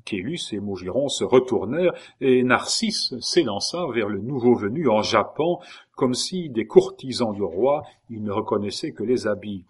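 A man reading a novel aloud in a measured storytelling manner. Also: lowish voice, lively intonation, slightly rough. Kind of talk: audiobook reading.

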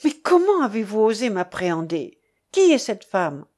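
A woman's voice: mid-range voice, sing-song, normal speed, a little mellow. A woman reading as an offended young man.

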